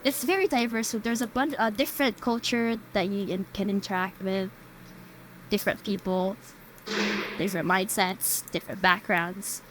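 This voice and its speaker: A woman's voice: medium pitch, moderate pace, low-quality recording. A woman speaking in an upbeat way in a documentary interview, listing things one after another.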